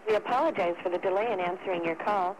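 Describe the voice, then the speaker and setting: A woman's recorded phone message voice, reading menu prompts in a polite, measured announcer manner. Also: mid-range voice. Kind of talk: scripted prompts. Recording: noisy phone line.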